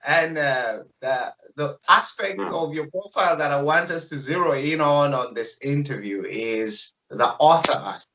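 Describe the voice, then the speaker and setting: A man's voice: a little high, measured pace, hardly any pauses, pushed and bright, highs cut off. A man hosting an interview, enthusiastic and encouraging toward his guest. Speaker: interview host.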